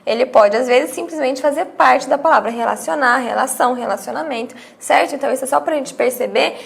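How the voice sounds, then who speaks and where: A woman's voice: sits high, fairly quick, creaky. A woman teaching a grammar lesson, explaining step by step with rhetorical questions and acting out her students' questions.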